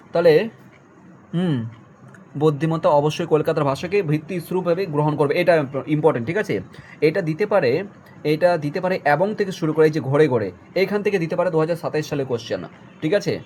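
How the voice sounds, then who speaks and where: A man's voice: a little high, a little mellow, a little hiss or hum. A young adult male teacher giving an exam-focused online lesson, explaining a text line by line and checking often that students follow.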